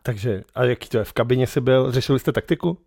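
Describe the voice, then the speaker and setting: A man's voice: medium pitch, creaky, darkish tone, no room sound, clean studio sound. A man co-hosting a casual chat show, bantering, telling anecdotes and swearing often. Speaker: podcast co-host.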